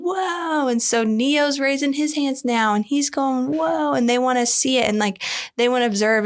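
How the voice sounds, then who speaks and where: A young woman co-hosting a faith podcast, gushing in casual chat with animated storytelling. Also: on the high side. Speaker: podcast co-host.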